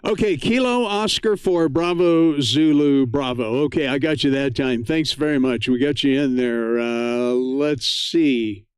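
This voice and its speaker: A man's voice: medium pitch, unhurried, few pauses, clear, resonant tone, no echo. An American man, middle-aged or older, hosting an amateur radio net in a chatty, folksy, casual way.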